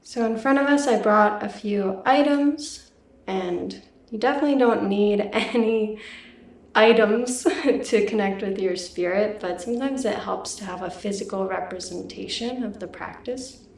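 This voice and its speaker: Woman meditation guide, slightly gravelly, recorded in an echoey room off the mic. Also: mid-range voice, far from the mic. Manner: slow, gentle instructions. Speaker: guest meditation teacher.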